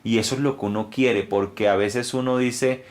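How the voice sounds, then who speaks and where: A man's voice: fairly even intonation, moderate pace. A man, a pastor, adding an earnest teaching to a testimony in an informal way. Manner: earnest, teaching, rises in pitch when stressing points. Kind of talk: informal preaching.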